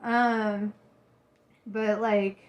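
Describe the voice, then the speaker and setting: A woman's voice: mid-range voice, flat delivery, extremely slow. A stoned woman giving a loose, rambling, giggly casual rant, slangy and salty-tongued, as a vlogger. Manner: giggly, laughs often while talking; salty, slangy, swears freely.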